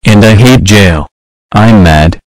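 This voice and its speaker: A man voicing a furious male horse toy, a hot-headed bully who yells, growls and laughs manically. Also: on the low side, slow, heavy background noise.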